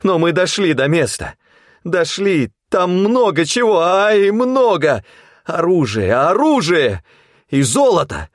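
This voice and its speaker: High shrill crazed scavenger, yelling and begging, dry audiobook sound. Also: male voice, very animated, slow pace, no room sound, exaggerated voice. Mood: frantic shrieking. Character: frantic ragged young male scavenger, shrieking.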